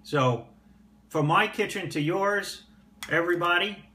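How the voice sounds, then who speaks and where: An older man who casually demonstrates breakfast in his home kitchen, talking in a relaxed, chatty way with many "uh" fillers. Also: high-pitched, a little slow. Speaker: pipe-smoking home cooking vlogger. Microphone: phone or camera on the table. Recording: roomy kitchen echo, faint background hum.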